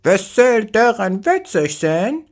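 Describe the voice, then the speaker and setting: A squawking, indignant parrot. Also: male voice, big pitch swings, slow, heavily acted. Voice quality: squawky, high and strained.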